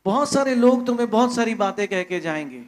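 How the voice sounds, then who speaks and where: A man with an Indian Hindi accent preaching a sermon, telling a parable with dramatic swings from loud to hushed. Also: high-pitched, expressive, brisk. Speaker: pastor. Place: church.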